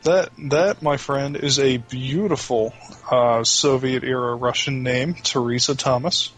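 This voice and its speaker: A man's voice: medium pitch, measured pace, fairly bright tone, faint music behind, rough recording. A congested man joking wryly with friends during casual game commentary.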